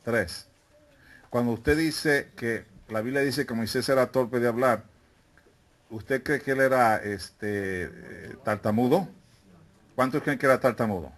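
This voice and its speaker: A man's voice: medium pitch, unhurried, a bit bright. A man preaching a teaching sermon to a live congregation, often asking questions and calling them brethren. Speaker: preacher teaching a Bible study. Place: meeting room with a live congregation.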